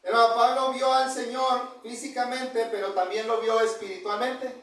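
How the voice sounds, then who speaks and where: A man's voice: very high voice, steady tone, normal speed, a bit bright. A man preaching a Bible lesson, asking his listeners questions and having them fill in the words. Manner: addresses listeners as brothers and by name. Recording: very echoey room, voice from far off.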